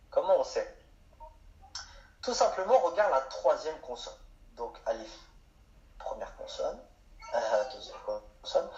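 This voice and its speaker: A man's voice: a little high, darkish tone. A man giving an explanatory lesson on grammar, asking questions and answering them himself. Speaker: Arabic teacher. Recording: echoey room, dull sound.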